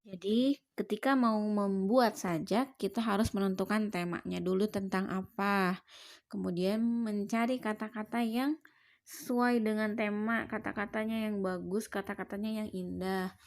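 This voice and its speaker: A woman's voice: mid-range voice, steady tone, a little slow. A woman teacher with a Sundanese accent giving a lesson, explaining each point and then repeating it more simply. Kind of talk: classroom lesson.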